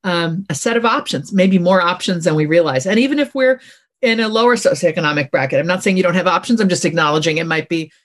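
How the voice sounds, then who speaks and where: A middle-aged woman, an author and former dean, answering interview questions in a lively, encouraging way, acting out little quoted voices and often checking in with "okay?". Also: on the low side, fast.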